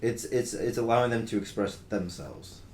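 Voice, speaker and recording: A man's voice: on the low side, moderate pace, darkish tone. A young man co-hosting a podcast in casual discussion, talking earnestly with many fillers and restarts. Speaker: podcast co-host. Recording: roomy with faint noise.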